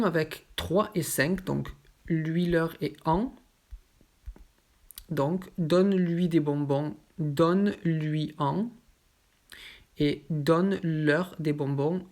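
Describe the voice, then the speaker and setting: A French language teacher explains grammar slowly and evenly, in a mid-pitched voice. Each example form is spelled out with care before the rule behind it. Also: vocal fry. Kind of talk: scripted grammar lesson.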